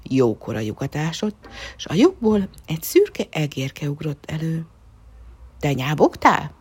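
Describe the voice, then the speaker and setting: A woman reading a children's story aloud, softly and often half-whispering. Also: low-pitched, very animated, husky.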